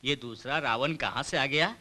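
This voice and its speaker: A man's voice: mid-range voice, normal speed, bright, forceful tone, a little hiss or hum. A man dubbing a puzzled comic sidekick in a film. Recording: film soundtrack with music.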